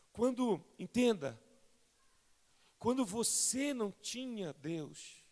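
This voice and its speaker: A Brazilian man preaching a fervent sermon as a pastor, swelling from soft to loud and often calling listeners "querido". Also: high-pitched, creaky. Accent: Brazilian Portuguese. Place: large church sanctuary. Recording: long hall reverb in church.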